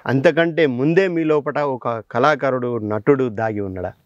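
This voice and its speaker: A man with a Telangana Telugu accent hosting a talent show and interviewing a guest, energetic and promotional. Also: mid-range voice, normal speed, dry recording, highs cut off. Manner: energetic, promotional, frequent mm-hm backchannels. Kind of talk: casual interview.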